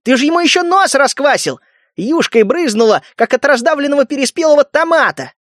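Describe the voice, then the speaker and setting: A man voicing a crude, excitable male mutant who talks loudly and jeers. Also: very high voice, fairly quick, no echo, studio quality, voice pushed up. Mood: excited. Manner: loud, jeering, excitable.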